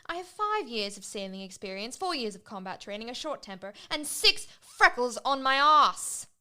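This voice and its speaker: In a tabletop roleplay, a woman plays a sarcastic, short-tempered female prisoner, delivering sardonic, deliberate phrases. Her voice is fairly high, sing-song, pushed and bright, clear and resonant, and exaggerated.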